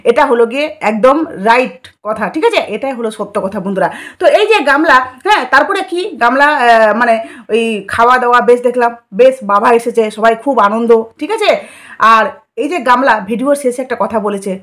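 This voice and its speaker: A high-pitched woman hosts a gossip commentary vlog. She speaks directly to her audience in a conspiratorial way. Her delivery is full of rhetorical questions and knowing asides. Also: expressive, fairly quick, a bit bright. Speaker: vlogger.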